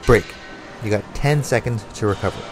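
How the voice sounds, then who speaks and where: Male fitness coach, lowish pitch, instructional and motivational, calling punches and intervals, light music underneath. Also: normal speed. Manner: motivational, short commands. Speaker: boxing workout coach. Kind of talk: instructional workout coaching with called-out combinations and timing cues.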